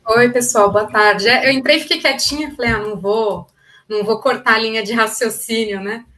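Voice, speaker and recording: A woman's voice: on the high side, steady tone, brisk, sharp tone. A woman joining a casual online group session, chatty and friendly, who says she arrives wound up.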